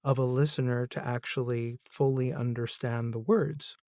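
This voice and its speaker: A man's voice: mid-range voice, steady tone, normal speed, darkish tone, dry recording. A man hosting a podcast interview, musing aloud and laughing at himself. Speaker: podcast host. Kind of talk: casual interview chat.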